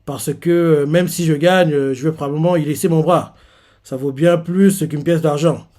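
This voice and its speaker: A man's voice: on the high side, steady tone, moderate pace, a little mellow, close to an everyday voice. A man voicing a cool, aloof young male swordsman with a dismissive manner, read from a comic.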